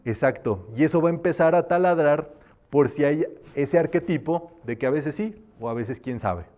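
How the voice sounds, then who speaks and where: A man's voice: fairly high pitch, lively intonation, moderate pace, dark tone. A man teaching a live metaphysics class, explaining patiently and sometimes demonstrating by chanting affirmations.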